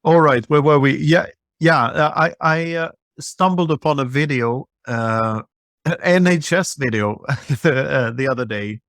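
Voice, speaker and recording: A man hosting a podcast, chatty and quick to laugh, with many fillers and restarts. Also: a little high, fairly bright tone, no echo, clean studio sound. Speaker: podcast host. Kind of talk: casual chat.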